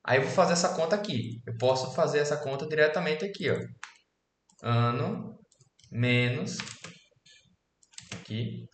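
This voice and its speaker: A man's voice: fairly high pitch, measured pace, long pauses, a little hiss or hum. A man in his twenties from Alagoas, Brazil, casually explaining code in a screen-recorded programming lesson and checking in often with his students. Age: 20s. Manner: casual, relaxed explaining with frequent "beleza?" check-ins. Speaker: programming instructor. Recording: echoey room with faint keyboard typing.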